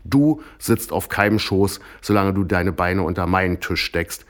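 A man's voice: normal speed, close to an everyday voice. A man voicing a strict, hysterical housewife mother who scolds and shrieks. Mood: scolding. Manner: scolding, shrill.

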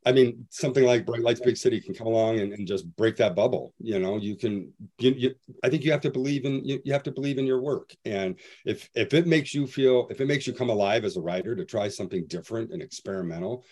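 A man's voice: medium pitch, fast talker, few pauses, darkish tone. A man speaking as a guest author on an online panel, rambling with many restarts and "you know" fillers. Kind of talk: casual panel chat.

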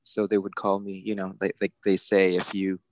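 A man's voice: deep voice, monotone, normal speed, slight background noise. A middle-aged man from the Philippines, a guest artist, explaining things in a chatty way with many fillers. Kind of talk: casual interview.

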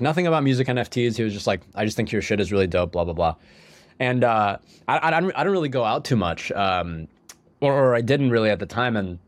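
This young man's voice sits fairly low, with no echo in the recording. As a musician on a podcast, he recounts his story in a casual, rambling fashion, with lots of "like," repeated restarts, and a slight sniffle from a cold.

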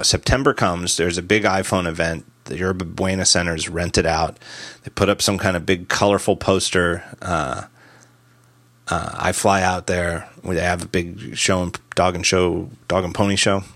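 A man hosting a casual tech podcast, animated and quick to laugh as he spins out hypotheticals. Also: low voice, dry recording. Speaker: podcast host.

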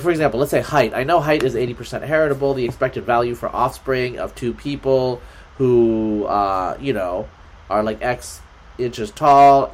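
A man as a podcast guest, talking in a loose, rambling way with lots of fillers. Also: mid-range voice. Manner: rambling, filler-heavy, lively. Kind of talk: casual conversation.

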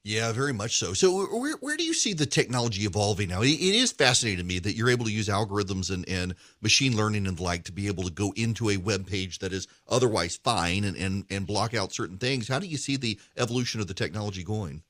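Host: man in his forties, low voice, dry close sound, thoughtful and conversational. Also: expressive, a bit bright, dry recording. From Dubai. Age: 40s. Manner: conversational, reflective, slightly halting. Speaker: host, interviewer. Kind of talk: interview questions.

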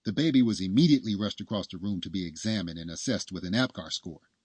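A man hosting and narrating a scripted story in a measured storytelling manner. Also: sits low, a little mellow, breathy edge, no echo. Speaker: host and narrator.

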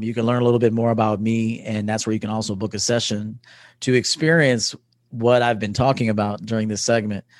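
In a dry, studio-quality recording, a lowish-voiced man in his early 40s speaks as a guest on a podcast. He's a men's coach, and his interview talk is casual, conversational and emphatic.

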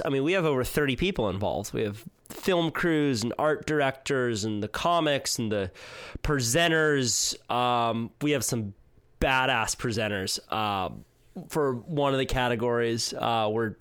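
A man hosts his podcast, easing through the intro with loose, unhurried talk full of "um"s and the odd curse word. His voice sits at a mid pitch. The recording is dry and close, with no room echo. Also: a bit bright. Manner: loose and casual, with many fillers and swearing. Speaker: podcast host. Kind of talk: solo podcast intro monologue.

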